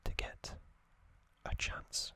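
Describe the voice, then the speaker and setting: An ASMR creator whispers trivia in a man's voice, drawing out his words with a sharp tone. He sounds hesitant, correcting himself often and filling gaps with ums and uhs.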